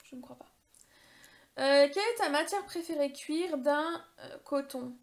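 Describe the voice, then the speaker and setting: Speaking at a measured pace in a high register, a beauty YouTuber in her thirties responds to viewers' questions in an informal vlog. She rambles chattily, with plenty of hesitations and self-deprecating humor.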